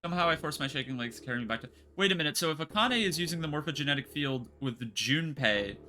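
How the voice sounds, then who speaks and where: A man streaming a video game, reacting excitedly, swearing and reading the text aloud. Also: on the high side, quick pace, slight background noise. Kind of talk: casual game stream commentary.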